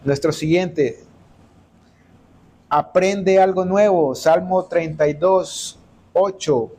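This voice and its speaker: A man's voice: high-pitched, slow pace, darkish tone. A man from El Salvador preaching in church, telling personal stories and acting out the dialogue. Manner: storytelling, acts out quoted dialogue. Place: church hall.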